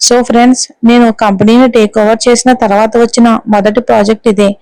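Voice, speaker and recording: A cheerful male boss addressing his office in an audio story, read by a woman in her own smooth, slightly high voice, proud and upbeat. The delivery is clear and dry, close to the mic. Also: fairly even intonation, quick pace, darkish tone, no room sound, close to an everyday voice, low-quality recording. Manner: announcing to staff.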